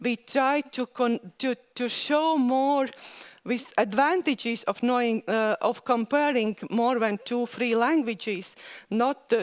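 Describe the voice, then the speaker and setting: A high-voiced woman from Latvia, whose first language is Latvian, presents at an academic conference. Her non-native phrasing is halting, with frequent "uh" pauses.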